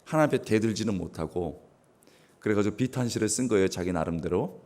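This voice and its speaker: A middle-aged man preaching a revival sermon as guest pastor, with dramatic swings and sudden raised exclamations, clearing his throat now and then. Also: lowish voice, animated, fairly quick, darkish tone.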